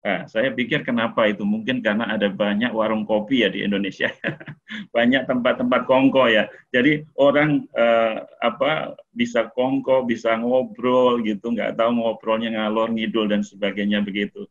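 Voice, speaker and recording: A middle-aged man gives a casual webinar lecture in a husky voice of middling pitch. He talks conversationally, with frequent filler "eh"s and small chuckles. The video-call audio sounds muffled and lo-fi. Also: steady tone, moderate pace. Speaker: webinar speaker on mental health. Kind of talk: casual lecture to an online audience.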